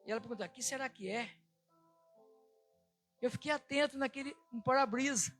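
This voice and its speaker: High-voiced impassioned preaching man. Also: fairly quick, faint music behind. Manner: impassioned, rising to excited retelling. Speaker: pastor. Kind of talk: sermon with personal testimony.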